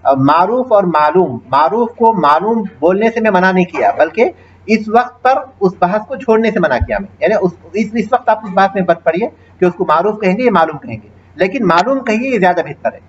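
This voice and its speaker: A man's voice: high voice, expressive, highs cut off, a little hiss or hum. A man teaching an Arabic grammar class online, patiently explaining and reciting verb forms with their translations.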